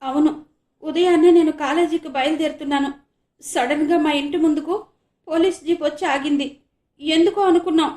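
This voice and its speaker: A woman voicing a frantic, tearful young college student in an audiobook, pitching her voice high and loud. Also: steady tone, normal speed, long pauses, echoey room, natural voice. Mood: frantic crying.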